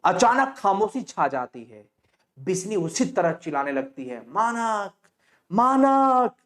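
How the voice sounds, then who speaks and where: A man's voice: on the high side, sing-song. A male teacher walks students through a play, narrating each scene. He stops often to quiz them with short questions. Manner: retells the scene, quizzes students with quick questions. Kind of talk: explaining a Hindi play to students.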